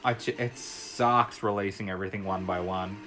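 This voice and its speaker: A man's voice: low voice, steady tone, moderate pace, bright, forceful tone. Chatty guy over game music. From Australia. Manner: chatty, rambling, laughs easily, sings to himself. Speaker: gaming YouTuber. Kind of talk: casual commentary while playing. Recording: faint music behind.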